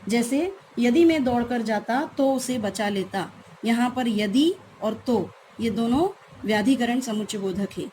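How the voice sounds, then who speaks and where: A woman's voice: on the high side, measured pace, mellow, slight background noise. A woman teacher giving a grammar lesson to schoolchildren, explaining patiently and repeating key terms.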